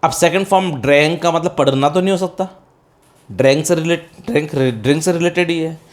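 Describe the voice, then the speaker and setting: Indian male English teacher, middle-aged, fairly high voice, patient step-by-step explaining, quizzes students. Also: fairly quick. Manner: explains step by step, addresses students as beta, asks and answers own questions. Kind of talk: classroom-style spoken English lesson.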